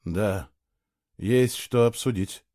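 A man voicing a grown man who speaks low and firm, a jealous lover turning tender, in a storybook reading. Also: slow pace, dark tone, dry recording, studio quality. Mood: tender, hushed.

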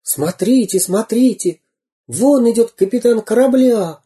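A man voicing a crowd of eager young boys who shout shrilly in a storybook reading. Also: very high voice, animated, a little slow, pitched above the performer's own voice. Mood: excited.

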